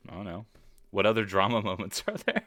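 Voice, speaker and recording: Bright, low-voiced joking man. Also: lively intonation, quick pace, no echo. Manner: joking, swears freely. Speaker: podcast co-host. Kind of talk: casual chat. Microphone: video call microphone.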